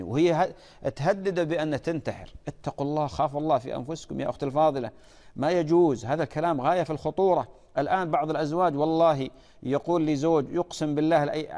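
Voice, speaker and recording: A man's voice: fairly high pitch, a little mellow, in a large hall. A man preaching an earnest sermon, often stalling and restarting mid-word.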